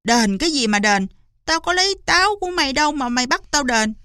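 A woman doing a gruff grumpy old farmer. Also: on the high side, expressive, moderate pace, a bit bright, no echo, clean studio sound. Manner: gruff and impatient.

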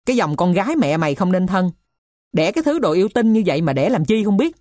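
A woman voicing a harsh stepmother who scolds in a quick, shrill rush. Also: sing-song, mellow, no echo, clean studio sound. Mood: scolding.

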